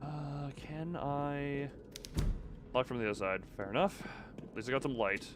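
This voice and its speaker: A video game streamer with a mid-range male voice offers unhurried, casual commentary on live gameplay. He rambles, pokes fun at himself, and thinks out loud, while faint background noise and game ambience sit underneath.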